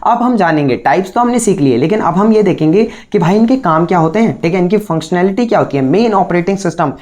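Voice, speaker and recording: A man's voice: high voice, animated, fast talker, a little mellow. A male teacher giving a recorded lecture, explaining step by step and constantly checking in with the class through rhetorical questions. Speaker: computer science teacher.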